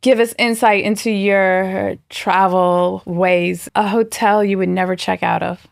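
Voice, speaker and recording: Woman cohost asking fun questions, raspy fry in her voice, dry studio sound. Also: medium pitch, fairly even intonation, a little slow, no echo. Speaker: podcast co-host. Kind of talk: casual chat.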